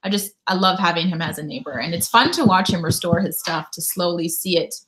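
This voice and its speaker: A Canadian woman in her thirties hosts a casual live stream from her home, reading viewers' comments aloud and chatting with them. Her voice sits on the low side, moves fairly quickly and has a slightly bright quality. The recording quality is poor.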